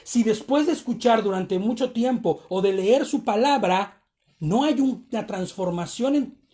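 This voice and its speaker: A man's voice: high-pitched, a little slow, warm tone. A man giving a conversational sermon on a Torah portion to his congregation, often checking in with short tag questions. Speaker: congregation teacher.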